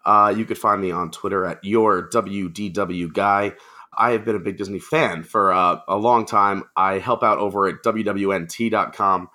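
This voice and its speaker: A man's voice: on the low side, steady tone, normal speed, bright, forceful tone. A man talking casually as a guest on a podcast, friendly and chatty with frequent fillers.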